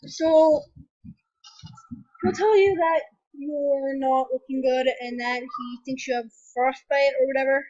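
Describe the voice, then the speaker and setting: A woman's voice: high voice, steady tone, slow pace. A woman talking casually through a video game walkthrough, chatty and unsure, with lots of ums and self-corrections. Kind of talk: casual gameplay commentary. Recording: dull lo-fi voice over loud game music.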